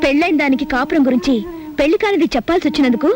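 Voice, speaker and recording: An actress playing a sharp-tongued, hot-headed young unmarried woman who lectures and retorts fast. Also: high-pitched, music in the background, lightly acted. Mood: scolding. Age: young adult. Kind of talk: Telugu film melodrama.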